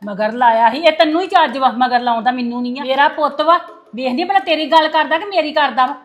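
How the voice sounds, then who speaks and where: A woman's voice: high voice, fast, lightly acted. A woman playing an older, bitter mother-in-law in a family web drama who scolds and taunts. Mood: scolding.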